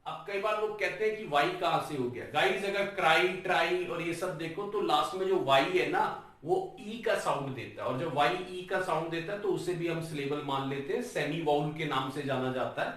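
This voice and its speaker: A man teaching an English lesson, sounding out words slowly syllable by syllable and calling his viewers guys. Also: on the high side, fairly bright tone, recorded from a distance. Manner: breaks words into slow, drawn-out syllables, addresses viewers as guys. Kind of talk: classroom-style lesson on a whiteboard. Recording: very echoey room, voice from off-mic.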